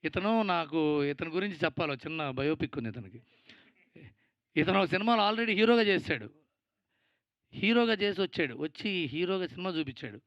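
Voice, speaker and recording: A man's voice: fairly high pitch, animated, moderate pace, pauses often, a bit bright, dry recording, lo-fi sound. A Telugu-accented man giving a producer's speech at a film event, rambling, thankful and teasing. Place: event stage.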